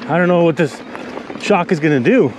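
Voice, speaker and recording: A man rides hard down a forest trail and calls out his thoughts over the ride, loud, high and excited. He sounds out of breath between his remarks, and the sound comes from an action camera on the handlebars. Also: brisk, background noise. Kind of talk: riding commentary.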